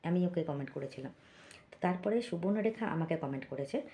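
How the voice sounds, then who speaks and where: A woman vlogger talks casually to her viewers and reads their comments aloud. Her voice sits low and sounds mellow. She keeps it chatty, with many small fillers and asides. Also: lively intonation, a little fast. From Bengal.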